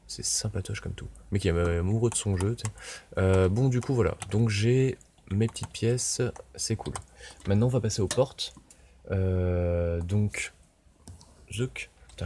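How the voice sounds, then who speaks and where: A man's voice: low-pitched, dark tone, slight background noise. A man casually talking through his game-making on screen, rambling and self-mocking, with plenty of fillers and swearing. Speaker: game developer tutorial host. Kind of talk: casual thinking-aloud screen tutorial. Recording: keyboard typing and clicks behind.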